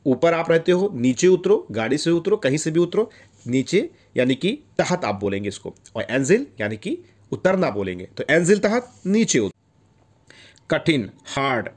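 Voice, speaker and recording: A language teacher in a casual video lesson goes through words, saying each twice and often checking in with "theek hai." His voice is medium in pitch with wide swings, at a normal pace.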